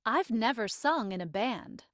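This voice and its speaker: Slow, lively woman reading drill lines. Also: a little high, no echo, studio quality. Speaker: recorded audio example speaker. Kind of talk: slow recorded drill sentences.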